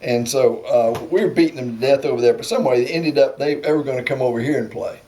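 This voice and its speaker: An older man speaks with an Appalachian Southern accent at a middling pitch. He reminisces casually, like someone among old friends, in folksy, rambling anecdotes. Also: quick pace, mellow. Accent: Appalachian Southern American. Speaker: storyteller sharing family memories.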